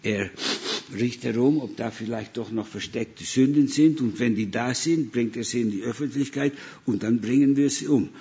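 A man's voice: mid-range voice, normal speed, warm tone, muffled recording. A man from the Netherlands with a Dutch accent, preaching in German and telling missionary stories with acted-out dialogue. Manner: storytelling, acts out dialogue. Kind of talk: sermon with anecdotes.

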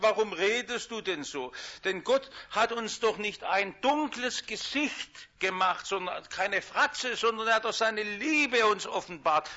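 A man preaching a sermon, shifting between loud emphatic lines and hushed quiet ones. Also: high voice, highs cut off.

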